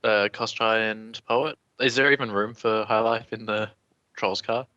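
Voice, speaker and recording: A man's voice: fairly low pitch, little pitch movement, unhurried, sharp tone, smooth, no echo, muffled recording. A man running a tabletop game over voice chat, easygoing and hesitant with fillers. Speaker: game master.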